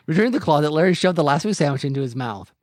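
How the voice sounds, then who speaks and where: A man's voice: on the high side, lively intonation, very fast, a little mellow, dry recording. Give me a man hosting a podcast, reading a story aloud in a dry room. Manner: laughs often, breaks off mid-reading. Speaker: podcast host.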